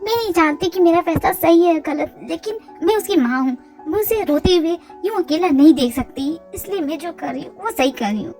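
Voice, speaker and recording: A woman's voice: extremely high pitch, lively intonation, a little fast, hardly any pauses, darkish tone, faint music behind. A woman voicing a strict middle-aged mother who is ill and scolds her daughter. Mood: firm. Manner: scolding, insistent.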